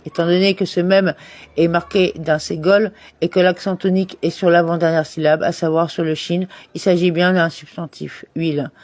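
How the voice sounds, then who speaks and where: A man's voice: a little high, little pitch movement, moderate pace, darkish tone, no room sound. A man reading a commentary text aloud for a daily study lesson, steadily, with occasional restarts and corrections. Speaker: Torah study reader.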